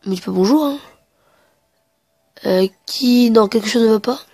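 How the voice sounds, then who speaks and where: Woman, higher voice, chatty let's play, hesitant, sniffly with a cold. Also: a little slow, dark tone, dry recording. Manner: chatty, hesitant, reads in-game dialogue aloud. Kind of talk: casual game commentary. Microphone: headset mic.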